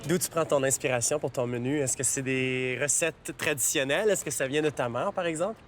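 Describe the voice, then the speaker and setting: Male host, playful banter, quick jokes, medium pitch, some music behind. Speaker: travel food show host. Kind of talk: casual chat and interviewing.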